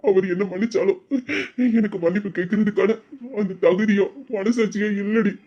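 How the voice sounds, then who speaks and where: A man's voice: high voice, little pitch movement, moderate pace, highs cut off, lightly acted. A man voicing a remorseful young man in a Tamil audio drama, confessing with tears. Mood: quiet resolve. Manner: emotional, confessional, tearful.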